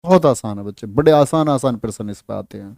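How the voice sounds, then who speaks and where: A male teacher giving an online exam-prep class, lively, asking students questions and acting out quoted lines in a raised voice. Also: mid-range voice, fairly quick, gravelly, no room sound, clean studio sound. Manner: asks students questions and repeats key words.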